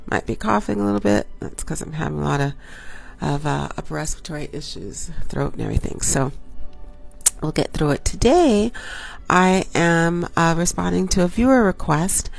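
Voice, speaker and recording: With faint music playing behind her, the obstetrician-gynecologist talks casually to camera about health, stuffy from a cold and coughing now and then. Her lowish voice is expressive and creaky, and she speaks unhurriedly, stopping for ums and corrections.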